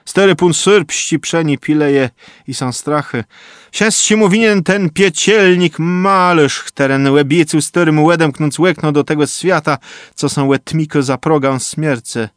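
A man's voice: a little high, unhurried, smooth, no echo, studio quality, pitched above the performer's own voice, natural voice. A man voicing a grave, knowing older man who warns of doom in an urgent tone.

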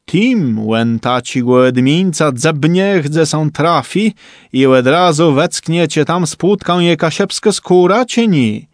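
Brief: an unhurried Kashubian male storyteller, dry close recording. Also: fairly high pitch, animated, no room sound. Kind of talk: reading a folk tale aloud.

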